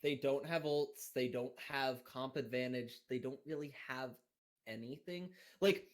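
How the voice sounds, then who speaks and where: A man's voice: medium pitch, a little slow. A man co-casting an esports match as analyst, giving blunt, candid color commentary with laughs.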